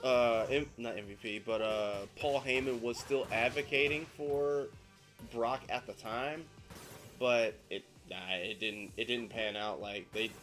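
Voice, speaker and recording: A man's voice: medium pitch, fairly bright tone. A man hosting a casual chat while playing a video game, easygoing and agreeable, muttering at the game now and then. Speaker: host.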